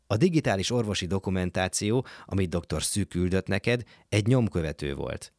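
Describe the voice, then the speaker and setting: A man reading a story aloud, voicing a calm young man who speaks softly and reassuringly. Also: sits low, no room sound, clean studio sound. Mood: tender. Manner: soft, reassuring. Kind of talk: audiobook reading.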